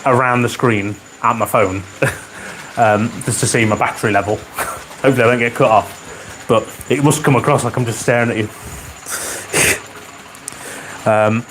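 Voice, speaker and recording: Male livestream host, mid-pitched, chatty and dryly funny, frequent throat-clearing, faint room hiss. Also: poor audio. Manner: chatty, reads out viewer comments with dry humor. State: keeps clearing his throat. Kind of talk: casual live chat. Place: home garage with a model railway layout. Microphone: wearing a microphone.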